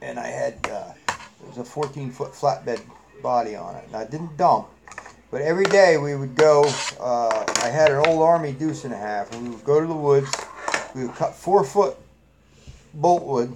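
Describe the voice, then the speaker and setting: A man's voice: mid-range voice, lively intonation, moderate pace, creaky, background noise. A middle-aged man with a New England accent, hosting a live chat and telling rambling, salty, folksy stories full of fillers. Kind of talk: casual storytelling chat.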